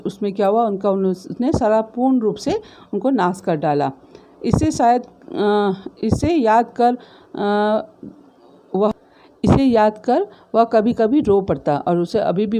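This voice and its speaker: Mellow-voiced woman teacher retelling a story. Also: medium pitch. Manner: retells and re-explains each line, often adds tag questions. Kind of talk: explaining a story in a school lesson.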